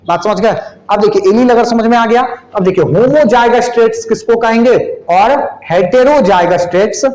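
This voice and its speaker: High-pitched guy teaching a class, drags out words while writing on the board, echoey classroom. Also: darkish tone. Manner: repeats terms slowly while writing, asks questions to the class. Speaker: biology teacher. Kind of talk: classroom lecture.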